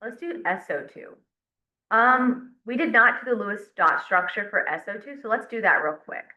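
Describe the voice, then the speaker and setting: A woman's voice: medium pitch, animated, normal speed. A woman teaching a chemistry class, explaining step by step in a casual classroom lecture and sometimes counting aloud at the board. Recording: roomy, dull lo-fi classroom recording.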